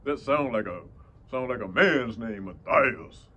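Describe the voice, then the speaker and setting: A man's voice: mid-range voice, animated, pushed and bright, dull audio. An older man telling rambling stories in a casual vlog, chuckling often and slipping into folksy preaching. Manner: chuckling, rambling with many fillers and restarts; slow folksy preaching with scripture. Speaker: vlogger.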